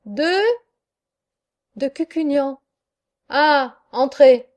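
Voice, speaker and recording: A solemn angel with dark wings speaks gravely and wearily, weighing each word, voiced by a woman narrator. The voice is high and mellow, and it moves at a slow storybook pace. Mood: questioning.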